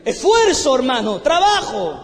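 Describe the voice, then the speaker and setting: A man preaching a fervent sermon as pastor, with a Chilean accent, often breaking into shouted praise. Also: very high voice, huge pitch swings, unhurried, in a large hall. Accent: Chilean Spanish.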